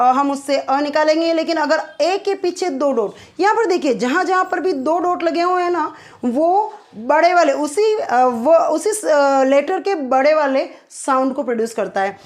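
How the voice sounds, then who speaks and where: A woman's voice: high-pitched, animated, a little slow. A woman teaching phonetic symbols, who asks her students questions, answers them herself and draws out sounds to demonstrate them. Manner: repeats key points as quiz questions and answers them. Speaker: English teacher.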